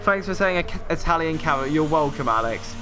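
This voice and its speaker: Higher-voiced man who says w for r. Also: fairly quick, over music. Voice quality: can't pronounce R and TH sounds, says w for r. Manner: chatty, jokey, excitable. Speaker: livestream race commentator and host. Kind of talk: casual live sim-racing commentary with banter. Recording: noisy mic with engine rumble.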